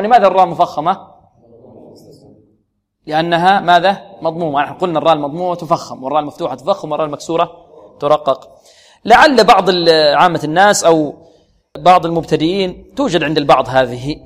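Male recitation teacher with a slightly high voice, drawing out each syllable for students; long hall reverb. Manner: drills pronunciation slowly, repeating syllables and asking students questions. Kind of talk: tajweed lesson.

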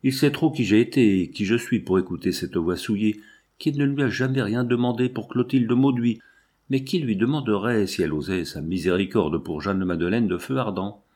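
A man reading the lines of a stern, proud old paralysed peasant woman in a storybook, in a low, grave, sorrowful manner. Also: normal speed, darkish tone, breathy edge. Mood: grieving, bitter.

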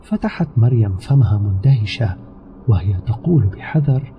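A man's voice: fairly low pitch, slight background noise. Man narrating an audio novel steadily. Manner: steady, measured storytelling. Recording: slightly dull recording with background music. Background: soft music.

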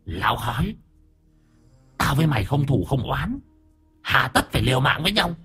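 A spiteful centuries-old ghost woman of the river, as a male storyteller puts her on, with a husky, hissing voice that sneers and menaces. Her pitch swings wildly, high and low, over a faint music bed. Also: big pitch swings, moderate pace, fairly bright tone, heavily acted. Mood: bargaining.

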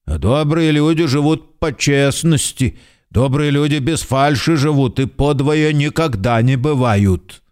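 A man's voice: fairly high pitch, a little mellow, clean tone, lightly acted. A man doing a sly, tipsy old-style servant. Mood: defiant. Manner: slow, droning drawl with repeated "he says". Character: stubborn, tipsy manservant, sly and evasive. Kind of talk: literary radio drama.

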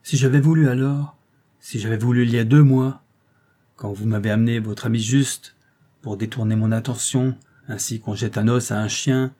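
A man's voice: medium pitch, steady tone, normal speed, dark tone, lightly acted. A man voicing a proud, feverish young actress who talks in a curt, imperious, pressing way. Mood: urgent, proud.

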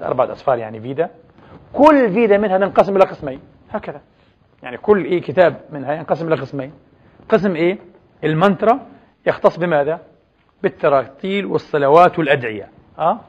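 A man lectures in a slightly raised, husky voice, keeps firing questions at his listeners and answering them himself. The recording is dull and lo-fi. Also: a little high. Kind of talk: religious history lecture.

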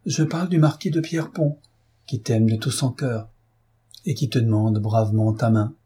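A man's voice: medium pitch, moderate pace, mellow, husky, close to an everyday voice. A man reading as an eager caring lady friend. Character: married woman, warm, eager, caring friend.

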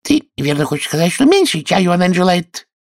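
A man's voice: high voice, very animated, brisk, no room sound, studio quality, voice pushed up. A man voicing a cheeky, argumentative hatter in a storybook, needling with a raised voice. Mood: mocking. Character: mocking, argumentative male hatter.

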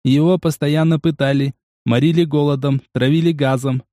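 A man's voice: on the high side, moderate pace, no room sound, studio quality, natural voice. A man voicing a battered male combat robot with a metallic, unemotional voice in an audiobook. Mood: impassive. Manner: flat, unemotional delivery. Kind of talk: audiobook narration.

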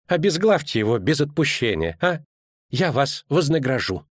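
A man's voice: medium pitch, very animated, normal speed, slightly rough, dry recording, studio quality. A man voicing a fussy, pompous court official who proclaims in a raised voice in an audiobook. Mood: wheedling.

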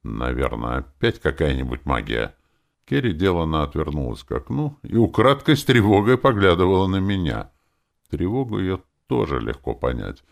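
Deep gravelly male audiobook narrator. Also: very animated, normal speed. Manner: wry and sardonic, sharp character shifts. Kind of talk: first-person audiobook narration.

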